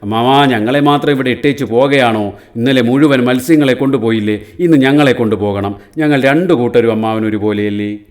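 A man's voice: medium pitch, brisk, a little mellow, voice pushed up, lightly acted. A man voicing a wary, clever male crab chief who questions and coaxes. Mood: coaxing. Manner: questioning, coaxing.

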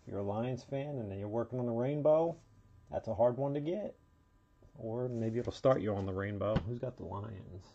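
A man's voice: medium pitch, moderate pace, vocal fry, dark tone, breathy edge. A man hosting a live trading card break, casually calling out player names and serial numbers as he opens packs, in a dull lo-fi recording.

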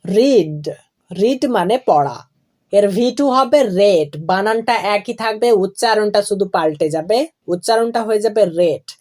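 A woman teaching English grammar, going slowly and deliberately through each verb form and letting phrases fall low at the ends. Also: animated, dark tone. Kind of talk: classroom explanation of verb forms.

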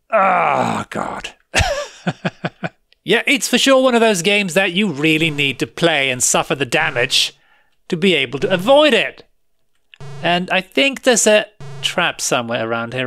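Slow, bright-voiced man grumbling over gameplay. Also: fairly high pitch. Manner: exasperated, sarcastic grumbling with frequent laughs. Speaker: retro gaming video host. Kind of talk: live gameplay commentary.

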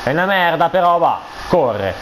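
A man giving excited football video game commentary, explosive and foul-mouthed, cursing between shouted player names. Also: a little high, moderate pace, a little hiss or hum, poor audio.

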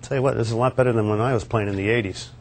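A mid-range male voice, racing along with fairly flat intonation. He's a sports TV host wearing a lapel mic, giving an upbeat, chatty walk-through of a locker room and pointing things out as he moves through the room and its hallways.

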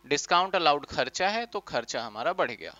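Guy teaching a commerce class, bright fairly high voice, dry lo-fi sound, asks stuff and answers it himself. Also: fairly quick, no echo. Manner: animated, asks questions and answers them himself; speaks as the accounts in first person. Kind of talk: classroom lecture.

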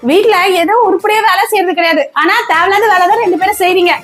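A woman playing a mother in a family comedy skit, scolding and sharp-tongued. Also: extremely high pitch, fast talker, faint music behind.

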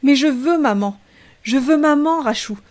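A woman's voice: sits high, measured pace, a little mellow, pitched above the performer's own voice. A woman voicing a clingy little boy who pleads and whines. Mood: whiny pleading. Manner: pleading, whining.

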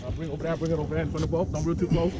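A man's voice: on the high side, little pitch movement, racing, background noise. A middle-aged man guiding a fishing trip from a small boat outdoors, giving short, repeated instructions. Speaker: fishing guide. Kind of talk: coaching on a boat. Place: small boat on an open-air canal.

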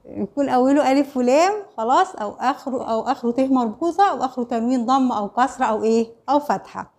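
Teaching primary schoolers Arabic online, this Egyptian-accented woman speaks at a quick pace in a high-pitched, darkish voice. She quizzes the pupils, supplies the answers herself, and keeps checking in with "خلاص؟" and "ماشي؟".

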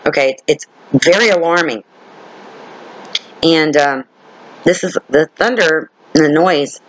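A man with a somewhat high voice leads an informal Bible study. He reads scripture aloud and then explains it piece by piece. He repeats key words for emphasis and keeps checking in with his listeners. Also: takes it slowly, fairly bright tone, poor audio. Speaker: Bible teacher.

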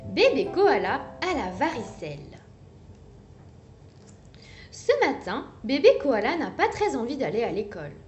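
Woman reading a kids' story, sing-song, high lively voice, soft music behind. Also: unhurried, long pauses. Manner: animated, sing-song and coaxing. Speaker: children's story reader. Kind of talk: reading a picture book aloud for children.

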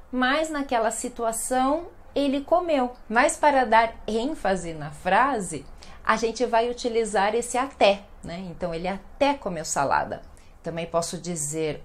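A woman teaching a lesson, explaining slowly and repeating example sentences, often adding "né". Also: mid-range voice. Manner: frequent tag questions "né". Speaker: Portuguese teacher. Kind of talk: online language lesson.

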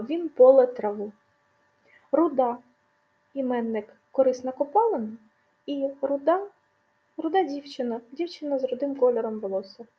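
A woman presenting a scripted video lesson on grammar, explaining clearly and stressing each example word. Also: on the high side, muffled recording. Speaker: language teacher.

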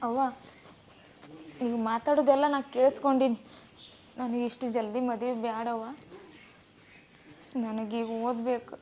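A woman's voice: fairly high pitch, level tone, a little slow, pauses often, darkish tone, slight background noise, natural voice. A woman playing a young village daughter who pleads against an early marriage, with a North Karnataka accent, in an amateur village drama. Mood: sulking. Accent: North Karnataka Kannada. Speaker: daughter pressed to marry.

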